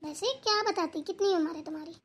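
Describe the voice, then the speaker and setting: A woman's voice: extremely high pitch, fairly bright tone. A woman doing a blunt, teasing old grandmother. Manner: bossy, teasing, quick retorts. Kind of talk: Hindi cartoon voice acting.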